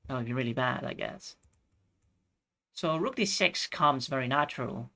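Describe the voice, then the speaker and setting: Bright-voiced chess streamer from Chile. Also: male voice, medium pitch, expressive, normal speed, vocal fry. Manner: thinks aloud, calculating moves and chatting with viewers. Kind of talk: live-stream commentary.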